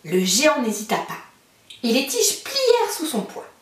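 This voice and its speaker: A woman teacher reads a storybook aloud to children, her voice sitting a little high and rising and falling with lively expression. The sound is roomy, with the mic placed some distance away. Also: moderate pace.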